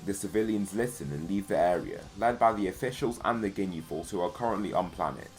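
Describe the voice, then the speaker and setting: A man hosting his channel and narrating a fan story in a plain, steady reading voice. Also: low voice, fast. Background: faint music.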